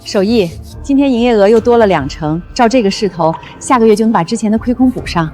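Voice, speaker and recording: Woman playing high-voiced earnest restaurant proprietress. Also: animated, quick pace, a little mellow, faint music behind, lightly acted. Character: caring, alert restaurant proprietress and partner. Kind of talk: short drama dialogue.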